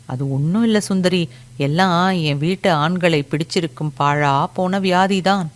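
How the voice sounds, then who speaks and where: Reading a storybook, a woman with a lowish, near-everyday voice and measured pace plays Lakshmi, an anxious young village woman hiding something. Flustered and evasive, she brushes off a neighbor's questions to talk her way past them.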